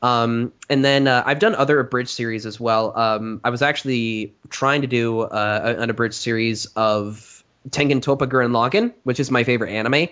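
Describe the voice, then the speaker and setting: A man's voice: medium pitch, steady tone, normal speed, fairly bright tone, highs cut off. A man, a fan filmmaker and voice actor, chatting as a guest in a casual interview, rambling with lots of fillers and restarts.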